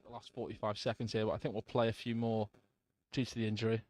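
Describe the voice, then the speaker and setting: A man giving live radio commentary on a football match from the stands, calm play-by-play with brief asides to listeners. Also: on the low side, fast talker.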